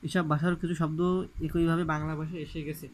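A man's voice: a little high, flat delivery, fairly quick, rough recording. A man with a Bangladeshi Bengali accent teaching an exam-prep lecture, reading word lists off the page and stressing which items matter. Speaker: admission coaching teacher.

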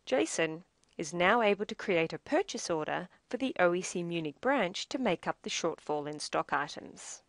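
A software demo presenter, a woman with a somewhat low voice, reads her script expressively while calmly explaining every step. The recording is close and dry, with no room sound at all.

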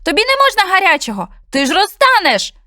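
A woman's voice: very high-pitched, wildly swooping pitch, fast, pushed and bright, dry recording, studio quality, voice pushed up, exaggerated voice. A woman voicing a kind, worried ginger tomcat in a children's story, anxious and pleading.

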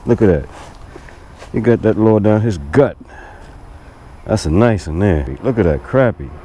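Low, mellow man talking to the fish. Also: lively intonation, unhurried, slightly rough, muffled recording. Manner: talks to the fish while reeling. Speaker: angler filming himself. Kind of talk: excited fishing commentary. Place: outdoors on a lakeshore. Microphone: head-mounted action camera.

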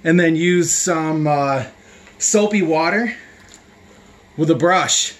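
Male host, 40s, chatty and upbeat garage vlogger; higher register, echoey room. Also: slow pace. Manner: chatty, upbeat, loose with fillers. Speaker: channel host. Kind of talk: casual product demo vlog. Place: garage workshop, indoors. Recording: echoey garage with background music.

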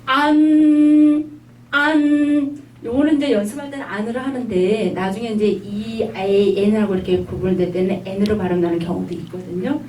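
A woman's voice: mid-range voice, dark tone, distant mic. Woman teaching in an echoey room. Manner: patient, repeats instructions, models drawn-out sounds. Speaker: lecturer. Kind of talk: online lifelong-learning lecture. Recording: echoey room, voice off-mic, faint hum.

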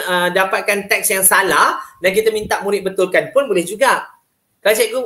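A man with a Malaysian Malay accent gives a casual training talk to teachers. His voice is bright and lively, and he keeps checking in with his listeners. The recording is roomy, with a noticeable echo. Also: high voice.

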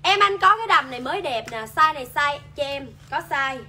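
A woman's voice: high-pitched, lively intonation, fairly quick. A young woman with a southern Vietnamese accent selling clothes on a livestream in an insistent, repetitive hard-sell manner, addressing viewers directly. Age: young adult. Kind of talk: live hard-sell shopping pitch. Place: small clothing shop, indoors. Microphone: phone at arm's length or on stand.

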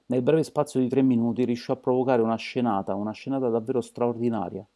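A man reading an amateur audiobook in a steady, measured way. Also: mid-range voice. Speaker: audiobook narrator.

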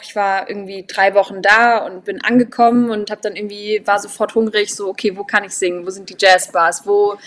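A young woman from Hamburg talks as a guest singer over a laptop video call from a room at home. She speaks thoughtfully and relaxed, with plenty of fillers, at a middling pitch. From born in London, grew up in Hamburg. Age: young adult. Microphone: laptop webcam on video call.

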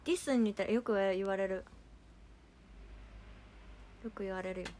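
A woman's voice: medium pitch, moderate pace, darkish tone, slight background noise. A young woman hosting a casual livestream who chats in a filler-heavy way and reacts to fan comments as she reads them. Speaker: idol livestream host.

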